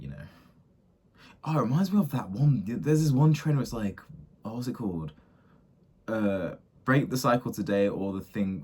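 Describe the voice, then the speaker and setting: A man, a small business owner thinking out loud in a casual, rambling way, full of fillers and restarts. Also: fairly low pitch, slightly rough. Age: 20s. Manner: rambling, self-interrupting, many fillers.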